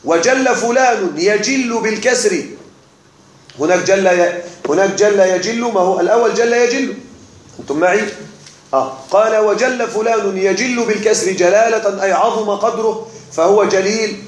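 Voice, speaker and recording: Slow, deliberate male teacher, high-pitched. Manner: slow and deliberate, often checks the class is following. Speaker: teacher explaining a classical text. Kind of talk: slow classroom lesson. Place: classroom. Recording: echoey room.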